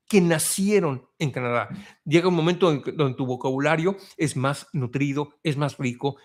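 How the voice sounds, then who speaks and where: A middle-aged man with a somewhat raised voice, chatting casually as an immigration consultant who reads out viewer comments. He talks with passion, piling up emphatic lists that repeat the same phrase again and again. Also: a little high. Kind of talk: casual livestream chat reading viewer comments.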